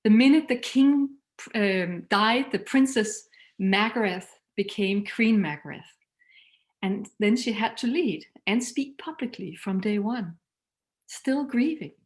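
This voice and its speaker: A Danish woman with a Danish accent, serving as a mission leader, delivers a prepared talk in an earnest, measured manner. Her phrases fade softly at the ends, and her voice is medium in pitch.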